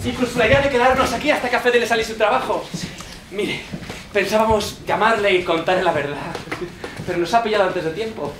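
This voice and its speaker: A man's voice: sits high, a little fast, recorded from a distance, close to an everyday voice. A young actor playing an exasperated, apologetic young man in a live stage comedy. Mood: pleading. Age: young adult. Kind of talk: live comic stage acting. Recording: roomy theatre, loud noise.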